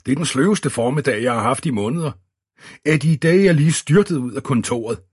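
A man voicing a cheerful young detective who exclaims with raised, excited pitch in an audiobook. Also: slightly rough, no echo, studio quality. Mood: giddy.

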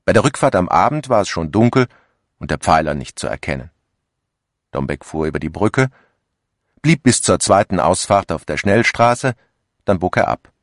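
A man narrates a literary short story in a calm, measured style. His voice sits very low and deep. The recording is dry and close, from a studio booth. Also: dry recording. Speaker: audiobook narrator.

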